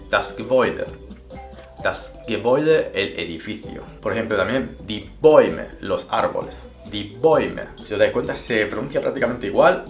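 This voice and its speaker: Man teaching slow pronunciation. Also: mid-range voice, a bit bright. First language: Spanish. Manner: slow careful demonstration of words. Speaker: German teacher. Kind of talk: pronunciation lesson. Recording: roomy echo with faint music.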